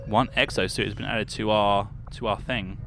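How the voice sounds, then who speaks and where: A man's voice: on the low side, fairly even intonation, moderate pace, fairly bright tone, a little hiss or hum. A young British man streaming a video game, chatting with viewers, greeting them by name and thinking aloud as he plays. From United Kingdom. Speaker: livestreamer. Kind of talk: casual game livestream chat.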